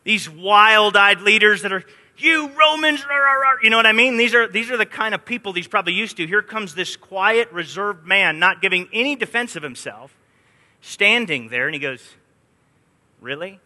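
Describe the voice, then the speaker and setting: A man's voice: high voice, moderate pace, bright, forceful tone. A man teaching a Bible study in a casual storytelling way, acting out the quotes. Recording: long hall reverb.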